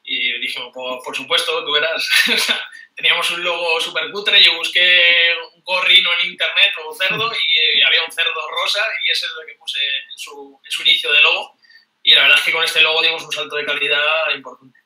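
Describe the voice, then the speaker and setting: A Spanish man in his thirties, a board game YouTuber, is a guest on a video-call interview, casually telling energetic stories and laughing often. His voice is on the high side, steady, fairly quick and sharp. He's far from his webcam mic in a small room at home, so the audio sounds roomy and off-mic.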